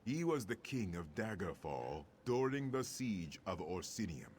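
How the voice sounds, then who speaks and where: A deep, solemn fantasy warrior. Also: male voice, very animated, darkish tone, slightly rough, heavily acted. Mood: grave, bitter. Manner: grave, formal, deliberate. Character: solemn, embittered male warrior quest-giver. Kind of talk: scripted fantasy video game dialogue.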